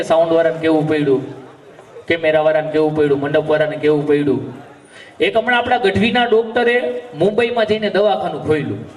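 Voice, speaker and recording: A man with a Gujarati accent telling jokes on a live stage, acting out the dialogue. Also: high-pitched. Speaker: stage comedian. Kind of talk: live folk humor storytelling. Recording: echoey live venue from far off.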